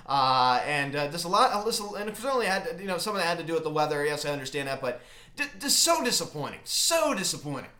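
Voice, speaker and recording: A man hosting a casual sports recap, talking in a halting, emphatic fan's manner, recorded in an empty closet. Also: a little high, lively intonation, bright, forceful tone. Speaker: sports recap video host. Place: empty unfurnished closet in a home. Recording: echoey small bare room.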